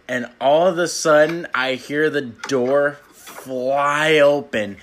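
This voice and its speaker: A man's voice: mid-range voice, fairly bright tone. A young man in casual chat, rambling through a story with lots of fillers. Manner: rambling storyteller, heavy use of "like". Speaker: podcast co-host.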